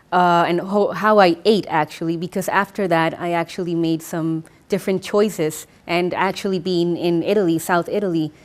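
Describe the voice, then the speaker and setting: A young woman from Rica, speaking English in a thoughtful testimonial with frequent fillers and restarts. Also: on the low side. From Costa Rica. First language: Spanish. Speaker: master's graduate. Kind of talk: testimonial interview.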